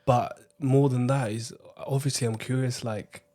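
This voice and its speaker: Male podcast host, mid pitch, loose and rambling. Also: steady tone, measured pace, mellow. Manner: friendly, rambling questions full of fillers. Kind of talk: casual interview chat.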